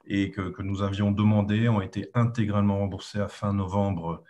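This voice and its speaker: Male CFO type, deeper voice, formal results briefing, steady with hesitations. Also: moderate pace. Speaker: company finance officer presenting results. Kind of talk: financial results presentation.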